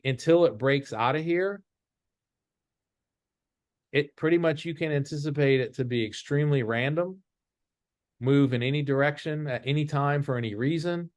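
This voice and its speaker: A man's voice: mid-range voice, normal speed, long pauses, no echo, studio quality. A man giving an informal lesson as an instructor, explaining step by step and repeating his rules. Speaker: trading instructor. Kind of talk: informal chart-based lesson.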